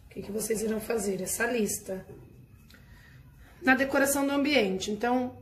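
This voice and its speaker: Patient woman teacher explaining slowly. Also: fairly high pitch, slight background noise. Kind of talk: recorded class lesson.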